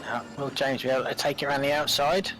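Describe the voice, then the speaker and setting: A man's voice: mid-range voice, little pitch movement, fast talker, background noise. A man giving live motorsport commentary on a sim race, describing each move in detail.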